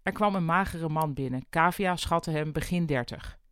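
A narrator reading a storybook in a wry, even audiobook style. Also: mid-range voice, normal speed, clear, resonant tone, no echo, studio quality.

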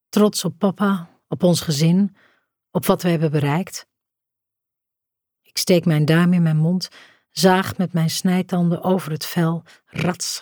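Woman, audiobook narrator, first-person novel reading, slow measured hushed delivery, lowish voice, dry close recording. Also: no room sound.

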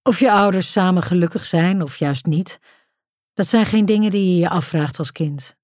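A woman reads a first-person audiobook in a low, mellow voice. Her telling is intimate and tense, drawing the listener close. The recording is dry and close, with no room sound. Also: normal speed, no echo. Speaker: narrator.

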